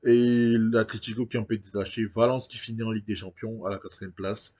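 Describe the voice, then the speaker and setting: A man's voice: on the low side, flat delivery, fairly quick, dark tone. A man hosting his gaming channel, chatting casually over a football management game and thinking aloud with frequent hesitations.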